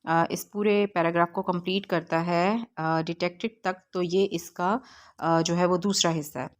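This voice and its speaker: A woman teacher walking students through a textbook exercise step by step, reading English lines slowly with frequent pauses. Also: on the low side, steady tone. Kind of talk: textbook lesson walkthrough.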